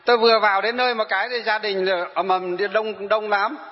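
A Buddhist monk tells a story during a sermon, putting questions to his listeners in an animated way. His voice sits high and moves at a fairly quick pace. The recording sounds like a dull, reverberant hall.

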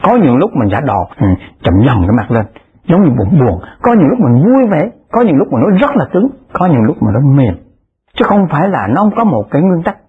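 A man's voice: on the high side, a little fast, breathy edge. A man giving a Buddhist dharma talk, telling stories and acting out the people in them. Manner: animated, acts out the people in his stories. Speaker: Buddhist lay dharma speaker. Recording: tinny lo-fi phone-like recording.

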